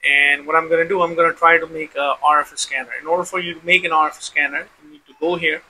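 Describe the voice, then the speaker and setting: Walking viewers through software in a quick, flat delivery, this male tutorial host has a sharp, bright, somewhat high voice. He talks casually through each step and keeps revisiting his wording. The low-quality recording carries faint background noise.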